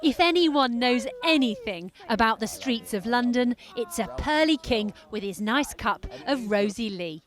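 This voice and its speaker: A woman's voice: on the high side, animated, measured pace, few pauses, a crowd in the background. A woman narrating a light-hearted news report in a wry, scripted voice-over.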